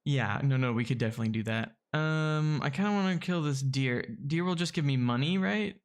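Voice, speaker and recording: Male streamer, mid-pitched with a gravelly fry, relaxed and halting while he plays. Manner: easygoing, chuckling, hesitant with many fillers. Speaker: game streamer playing the strategy game. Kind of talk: casual live-stream gameplay chat.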